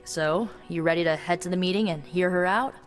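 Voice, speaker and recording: An actress playing an earnest, sympathetic young heroine in video game dialogue, measured and conversational. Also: female voice, on the low side, in a large hall, soft background music, close to an everyday voice. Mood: earnest concern.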